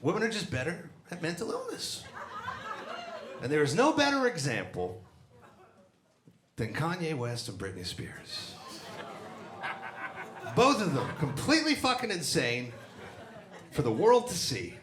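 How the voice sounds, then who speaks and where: A man's voice: on the high side, wildly swooping pitch, unhurried, pauses often, background noise. A man doing a crude, brash stand-up set on a comedy club stage, talking into a handheld mic while an audience laughs. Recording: echoey club with loud crowd.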